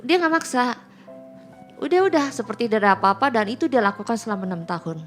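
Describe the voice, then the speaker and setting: A woman's voice: on the high side, lively intonation, fast talker, faint music behind. A middle-aged woman, a pastor's wife, chatting as a guest and telling her testimony with lots of quoted dialogue. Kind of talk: casual testimony chat.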